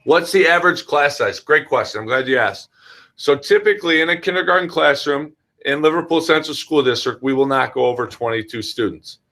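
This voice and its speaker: A man's voice: on the high side, a little fast, pushed and bright. An American man hosting an informal question-and-answer orientation as a school administrator, speaking directly to parents and children. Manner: addresses parents and children directly, checks in with frequent "all right".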